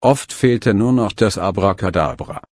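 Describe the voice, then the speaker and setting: A man narrating a scripted instructional guide in a calm, measured way. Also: lowish voice, dry recording, clean studio sound. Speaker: hypnosis instructor.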